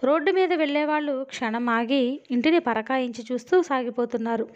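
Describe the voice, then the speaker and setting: Woman audiobook narrator, expressive and steady, slightly high voice, lo-fi recording. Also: fairly quick. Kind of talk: dramatic novel reading. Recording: dull lo-fi audio.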